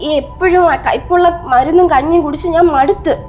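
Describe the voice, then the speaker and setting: A woman's voice: very high voice, brisk, a little mellow, muffled recording, soft background music. An actress playing an exhausted young new mother who talks tearfully and pleads in a short film. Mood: pleading. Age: young adult.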